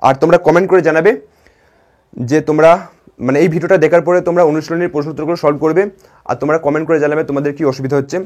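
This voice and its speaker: Man, teacher, children's grammar class, rapid speech, slightly high voice, repetitive, keeps checking understanding. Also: steady tone, darkish tone. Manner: repetitive, checks in with "ঠিক আছে?" often.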